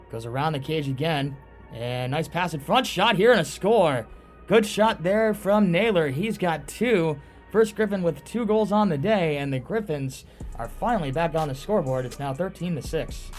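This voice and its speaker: Excitable male lacrosse play-by-play man, higher-pitched. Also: normal speed, soft background music. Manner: shouts excitedly on goal calls. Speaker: play-by-play commentator. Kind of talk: live lacrosse play-by-play commentary.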